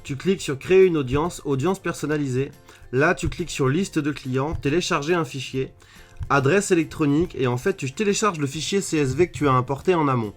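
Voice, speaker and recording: A man's voice: a little high, fairly quick, soft background music. A man giving a casual screen-share tutorial at his computer, talking straight to the viewer with plenty of fillers. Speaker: online marketing trainer. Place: at his desk indoors. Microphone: computer webcam mic.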